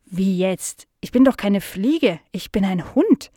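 A woman voicing an eager, easily indignant young female dog in a children's audio story, speaking high and loud. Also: expressive, slow, no echo, studio quality. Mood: insistent.

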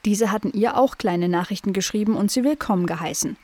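Woman, children's story narrator, calm and clear, medium pitch. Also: brisk.

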